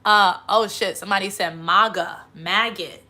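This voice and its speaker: A woman's voice: medium pitch, moderate pace, bright, forceful tone. A woman hosting a livestream, giving a rambling spiritual monologue full of swearing and emphatic bursts. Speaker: livestream host.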